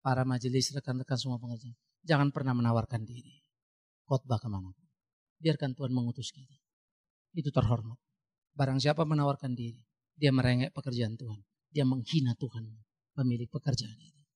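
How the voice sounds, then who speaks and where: A male pastor preaching a sermon in an animated, emphatic way, with sudden rises for emphasis. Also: medium pitch, brisk, long pauses, slightly rough, no room sound, clean studio sound.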